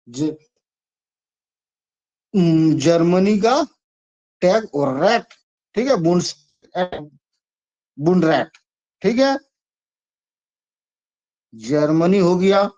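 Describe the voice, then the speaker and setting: Slow-talking teacher drilling memory tricks. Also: male voice, sits high, sing-song, a little mellow. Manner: chatty, repetitive, coaxing. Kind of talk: exam-prep lesson with memory tricks. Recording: dull lo-fi sound.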